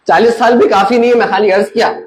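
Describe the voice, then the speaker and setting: High-voiced man teaching a religious lesson. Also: a little fast, a little hiss or hum, poor audio. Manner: explains with everyday examples, checks understanding with listeners. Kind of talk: conversational Islamic lesson.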